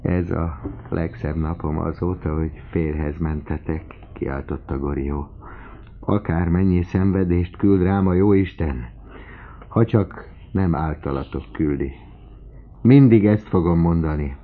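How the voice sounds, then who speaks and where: A man voicing an elderly doting father, effusive, loud and emotional, in an audiobook reading. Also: extremely low pitch, little pitch movement, creaky, full character voice. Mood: fervent. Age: older. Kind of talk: audiobook character voice. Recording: tinny phone-like lo-fi recording.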